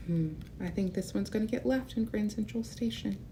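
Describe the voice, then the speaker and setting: A woman with a mid-range voice reads a picture book aloud to young children at normal speed, against a noisy background. As a children's read-aloud host, she reads expressively and drops in casual asides to explain and point things out.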